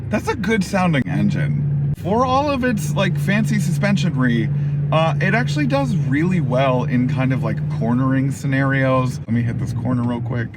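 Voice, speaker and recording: A man's voice: medium pitch, sing-song, normal speed. A man hosting a casual car review, talking as he drives a pickup truck, with lots of fillers like "like" and "you know". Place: inside a pickup truck while driving. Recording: road and engine noise in a moving truck.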